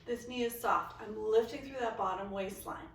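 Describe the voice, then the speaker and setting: A woman leading a pilates and barre workout at home, giving steady cues and counting reps out loud with encouragement. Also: mid-range voice, normal speed, reverberant, distant mic, a little hiss or hum, rough recording. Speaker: fitness instructor. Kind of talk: guided workout instruction.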